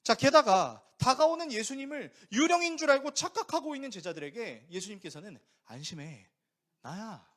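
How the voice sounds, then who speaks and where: A man, a pastor, preaching a sermon with lively stories and rhetorical questions to his congregation. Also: very high-pitched, normal speed.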